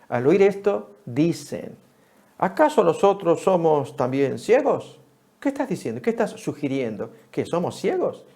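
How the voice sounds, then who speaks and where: A male preacher with a gravelly, dark-toned voice delivers an animated Bible study sermon. He calls out to his listeners as friends and leaps up in pitch when he quotes a speaker. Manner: animated, rises sharply for quoted speech, addresses listeners as friends.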